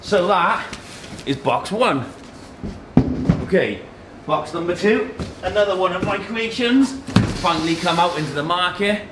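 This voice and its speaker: A man in his thirties with a high, expressive voice takes his time as he hosts a casual tech unboxing. Working through boxes and products in an indoor office meeting room, he speaks in short bursts, with echo, background noise and clattering from the handling.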